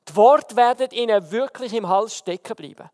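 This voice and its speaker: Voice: mid-range voice, moderate pace, darkish tone. Swiss German preacher, emphatic storyteller, sermon in a large reverberant hall. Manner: emphatic storytelling with rhetorical questions. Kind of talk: evening sermon to an audience.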